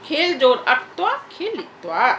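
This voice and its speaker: A woman's voice: high-pitched, very animated, unhurried, fairly bright tone, echoey room, a little hiss or hum, low-quality recording. A woman teacher leading an online class over a video call, patiently repeating corrections and calling on students by name.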